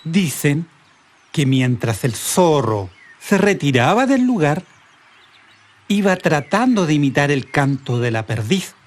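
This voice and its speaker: Folk-tale narrator: very slow and measured, lively melody. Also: mid-range voice. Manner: unhurried, measured phrasing. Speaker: storyteller.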